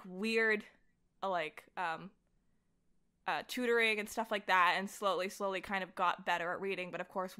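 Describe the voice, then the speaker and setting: A young adult woman, a voice actor and director appearing as a podcast guest, tells personal stories in a casual chat and acts out bits of what people said. Her mid-range voice sounds pushed and bright, and the audio is smooth.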